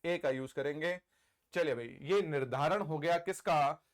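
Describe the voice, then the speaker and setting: A man's voice: a little high, unhurried. A middle-aged man with an Indian accent teaching English grammar in a live online class, pressing students for answers and praising them.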